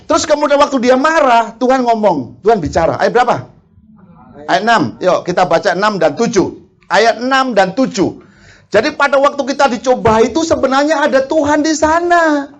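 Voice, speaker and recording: A man's voice: very high-pitched, expressive. A male preacher, delivering a sermon and firing questions at the congregation. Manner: asks the congregation questions, quick laughs, acts out quarrels. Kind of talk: lively sermon.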